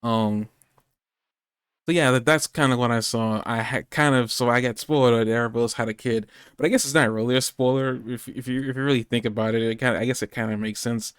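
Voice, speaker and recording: A man's voice: mid-range voice, steady tone, a little fast, smooth, dry recording, studio quality. A man hosting a live-streamed anime podcast, chatting casually and rambling off on tangents. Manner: rambling, meandering, self-correcting. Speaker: podcast host. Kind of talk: casual chat. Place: home streaming setup.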